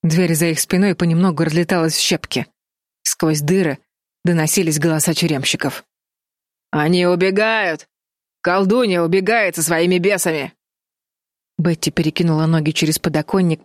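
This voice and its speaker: A woman narrating an audiobook with steady, dramatic storytelling. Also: low voice, no room sound, clean studio sound. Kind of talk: scripted narration.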